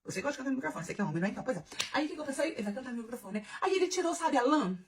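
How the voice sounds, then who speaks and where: A woman, telling a bawdy personal story in an animated, giggly, confiding way. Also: high voice, racing, slight background noise. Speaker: vlogger.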